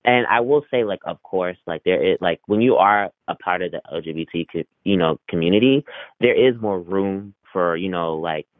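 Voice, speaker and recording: A man's voice: deep voice, normal speed, no echo. A man calling in to a podcast, talking casually with many fillers and restarts. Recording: tinny phone line, dry.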